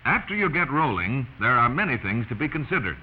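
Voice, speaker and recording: The soundtrack, muffled and noisy, comes from a 1940s instructional film narrated by an American man who talks emphatically and instructively to the listener. His pace is brisk, at medium pitch with big pitch swings.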